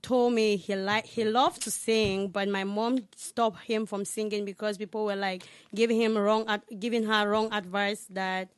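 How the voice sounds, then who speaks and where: Young woman, smooth clear voice. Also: medium pitch, little pitch movement, normal speed, hardly any pauses, no room sound. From Cameroon. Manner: earnest, with casual "like" fillers. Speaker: singer and guest. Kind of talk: radio interview. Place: radio studio.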